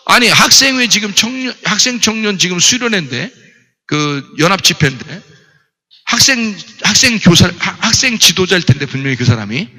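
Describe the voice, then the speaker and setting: A middle-aged man preaching a sermon, telling a story with animated delivery and asking the congregation questions. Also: high-pitched, normal speed. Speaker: pastor. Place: church. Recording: church hall reverb.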